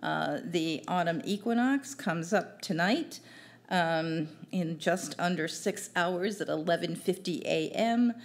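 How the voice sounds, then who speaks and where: An older woman reading her own poems at an open mic on a small cafe stage, in a gentle, measured recital into a stand mic. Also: lowish voice. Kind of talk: poetry reading. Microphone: stand mic at a distance.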